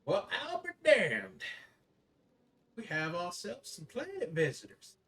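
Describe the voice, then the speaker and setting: A man voicing a gruff little settler in a tabletop game, folksy and courteous with old-fashioned formal phrasing. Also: high voice, huge pitch swings, slow pace, fairly bright tone, pitched above the performer's own voice, exaggerated voice. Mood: folksy surprise.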